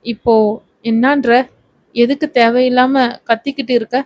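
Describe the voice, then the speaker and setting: A woman's voice: a little high, steady tone, normal speed, natural voice. A woman voicing a cocky, hot-tempered young male film hero. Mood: offhand.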